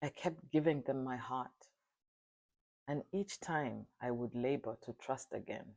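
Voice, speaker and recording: A speaker from Zambia giving an earnest, solemn personal testimony, sometimes halting and restarting. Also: mid-range voice, dark tone. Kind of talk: reflective spoken testimony.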